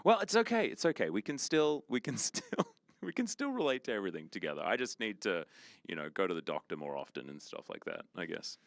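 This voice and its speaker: A man's voice: lowish voice, sing-song, fairly quick, creaky, no room sound. A man in his thirties, an esports caster who jokes his way through casual commentary. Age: 30s. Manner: easygoing, joking.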